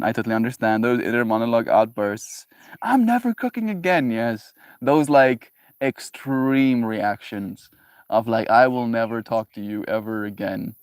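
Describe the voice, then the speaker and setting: A man talking casually to his livestream audience in an animated, joking way and laughing often. His voice sits in an ordinary middle range. The sound is close and dry, with no room echo. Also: medium pitch. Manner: animated, laughs often, talks back to chat. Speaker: livestream host reading chat.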